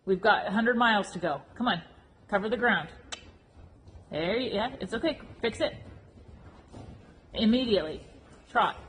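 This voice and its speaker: A woman riding instructor coaching a live lesson with brisk, projected commands, short and repeated, blunt and exacting in her corrections. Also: mid-range voice, a bit bright. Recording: reverberant hall with clear background noise.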